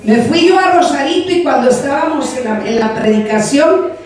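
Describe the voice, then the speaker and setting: Woman pastor, high voice, lively storytelling sermon. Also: moderate pace. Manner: animated storytelling, addresses congregation as brothers. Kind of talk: testimony sermon. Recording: echoey hall, voice from far off.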